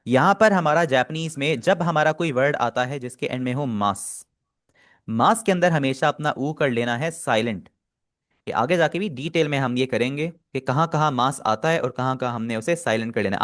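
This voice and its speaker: Man teaching a live online class. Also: a little high. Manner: explains patiently, drills pronunciation slowly syllable by syllable; answers students' questions directly. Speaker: Japanese language teacher.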